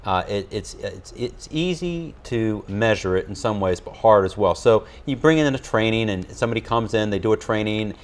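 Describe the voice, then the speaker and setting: A man's voice: fairly low pitch, lively intonation, normal speed, hardly any pauses. A man who leads a school district, answering in an earnest studio interview with many fillers and restarts.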